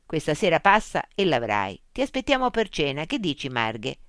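A woman's voice: low-pitched, sing-song, moderate pace, fairly bright tone, no room sound, studio quality. A woman voicing a forthright, confident woman scientist.

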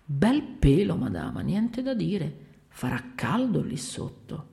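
A brash bearded porter, as a woman reading aloud puts him on, loud and impudent in a storybook reading. The voice is low and gravelly, with a teasing push behind each line. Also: very animated, slow pace, full character voice. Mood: cheeky. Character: brash bearded male porter, cheeky and bold.

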